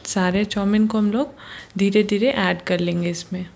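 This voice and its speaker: This cooking-channel host speaks at a medium pitch with fairly even intonation and a creaky, slightly mellow texture. Standing in her home kitchen, she goes through the recipe step by step, slow and patient, repeatedly telling viewers "ye dekhiye" as she points things out.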